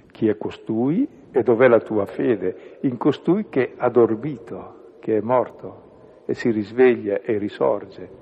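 Man, scripture reflection, husky low voice, measured and soft, long hall echo. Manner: slow, measured, trailing off softly at phrase ends. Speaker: priest leading a bible reflection. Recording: echoey hall over a tinny phone-like line.

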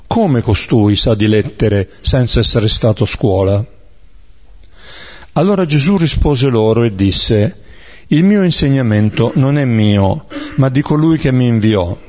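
A man leading a Bible study, reading scripture aloud and explaining it in a measured way, pausing often to search for words. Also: mid-range voice, a little mellow. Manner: measured, searching for words with many fillers and restarts. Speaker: Bible teacher. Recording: dull, lo-fi recording.

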